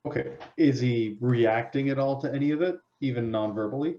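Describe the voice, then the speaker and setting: A man's voice: medium pitch, fairly quick, highs cut off, slight background noise. A man playing a tabletop game, asking questions in a matter-of-fact way. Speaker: player.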